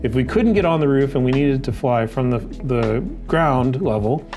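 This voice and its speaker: With a medium-pitched, darkish voice at a moderate pace, a middle-aged man teaches drone training, explaining on-screen regulations conversationally. He frequently raises questions and answers them himself; he's indoors in an office by a window, music playing behind him.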